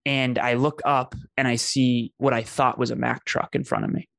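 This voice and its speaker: Man, gravelly, dry close sound, earnest storytelling. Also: medium pitch, level tone, normal speed, a bit bright, no echo. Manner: earnest, emphatic, repeats phrases for effect. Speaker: podcast host telling his story as a guest. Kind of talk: conversational storytelling.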